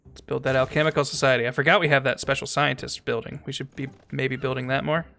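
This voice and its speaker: Gravelly man chatting over a game. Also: medium pitch, flat delivery, sharp tone, faint music behind. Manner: chatty, thinks aloud, talks to chat; reads game text aloud slowly. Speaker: streamer. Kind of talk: casual gameplay commentary.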